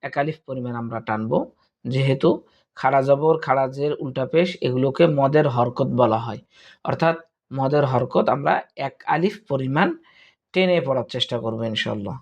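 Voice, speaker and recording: A man with a Bangladeshi Bengali accent teaching Quran recitation, chanting verses slowly and spelling out letters syllable by syllable. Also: medium pitch, muffled recording. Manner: slow, drawn-out melodic recitation; patient step-by-step teaching, repeating syllables.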